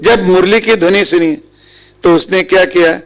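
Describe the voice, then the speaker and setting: A man's voice: high-pitched, gravelly, fairly bright tone, rough recording. A man with an Indian accent giving a devotional discourse, retelling scripture stories with quoted dialogue. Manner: storytelling with quoted dialogue, unhurried. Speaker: religious storyteller.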